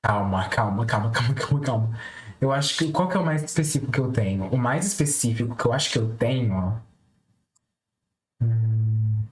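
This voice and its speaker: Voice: mid-range voice, moderate pace, roomy sound. A streamer chatting casually and giggly on a live stream, often repeating little words.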